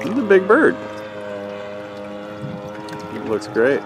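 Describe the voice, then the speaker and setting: A man's voice: high voice, huge pitch swings, slow, music in the background. A man hosting and filming a model plane flight at a lakeside, giving enthusiastic, admiring casual commentary outdoors. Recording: loud model engine noise outdoors. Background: model airplane engine roar.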